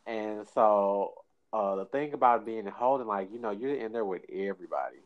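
Dude w a st just telling a story, dry and easygoing, lowish voice, close dry sound. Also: male voice, moderate pace, no room sound, dull audio. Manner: dry, laid-back delivery with lots of "like" fillers; acts out the people he quotes. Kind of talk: casual storytelling chat.

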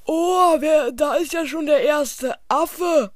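A woman voicing a silly, cheeky schoolboy in a hobby audio drama, goofy and drawn-out. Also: high-pitched, no echo, studio quality.

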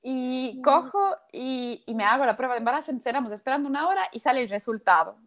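A woman's voice: high-pitched, quick pace. A woman, a guest athlete telling a personal story in a casual chat and acting out the voices of the people in it. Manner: animated, acts out quoted voices.

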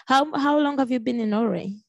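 A woman from Congo hosting a casual podcast interview, chatty and expressive with frequent jumps in pitch. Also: a little fast, creaky, no echo, muffled recording. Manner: chatty with small restarts and fillers. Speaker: podcast host.

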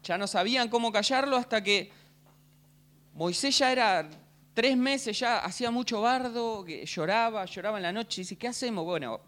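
A man with an Argentine accent preaching a sermon, telling the story in a jokey, animated way and often checking in with his congregation. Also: sits high, moderate pace. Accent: Argentine Spanish. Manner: animated, jokey, keeps asking the crowd "¿sí?".

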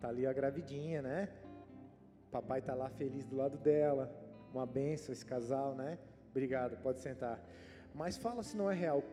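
A Brazilian pastor preaches a sermon in a conversational style, frequently ending sentences with "né?". His mid-range voice moves at a normal speed, echoing through a reverberant church hall with soft music behind him.

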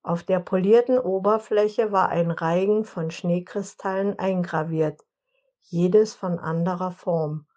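A woman narrating an audiobook story in a calm, measured manner. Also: fairly low pitch, lo-fi sound.

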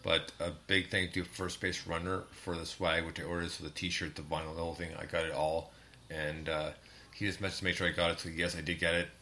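A man's voice: sits low, little pitch movement, a little fast, pushed and bright, a little hiss or hum. A man hosting a music podcast, laid-back and rambling, laughing often. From Canada. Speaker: music show host. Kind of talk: casual podcast chat.

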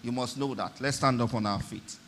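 A man's voice: mid-range voice, a little fast, fairly bright tone, a little hiss or hum. A man preaching a church sermon, driving his points home with emphatic repetition and calls for the congregation to respond. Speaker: pastor.

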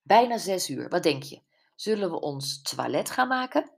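A woman reading as gentle probing Jules. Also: fairly low pitch, very animated, moderate pace, creaky, breathy edge, heavily acted. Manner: gentle but probing, a little know-it-all. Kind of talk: audiobook character voice.

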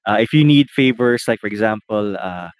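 A man with a Filipino accent co-hosting a casual podcast, talking straight to listeners and often dropping into a low mutter. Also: expressive, moderate pace. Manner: chatty, addresses listeners as guys, drops to a low mutter. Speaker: podcast co-host. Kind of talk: casual chat.

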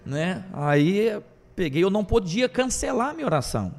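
A man, a pastor, telling his life testimony in a podcast interview, animated, acting out the voices of others as he talks. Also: sits high, normal speed. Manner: animated storyteller, quotes God and others in lively bursts.

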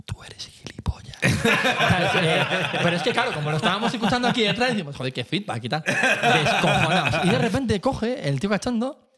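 A man telling a lively anecdote about his band on stage, acting out voices, laughing and swearing casually. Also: sits high, fast, husky. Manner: animated storyteller, acts out voices, laughs often, swears casually. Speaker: musician telling a tour story.

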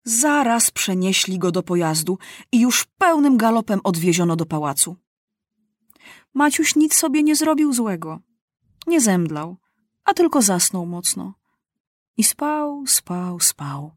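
Husky woman reading a children's story. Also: medium pitch, unhurried, no room sound, studio quality. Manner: lively, expressive reading. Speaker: narrator.

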